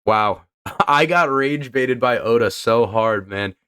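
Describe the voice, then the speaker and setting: A young man reading a comic aloud to his viewers in a loose, slangy, unhurried way. His pitch sits in the middle, and he laughs off the twists as they come. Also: bright, forceful tone, smooth. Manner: laid-back, slangy, laughs at the story. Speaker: comic reader. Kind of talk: casual read-along with reactions.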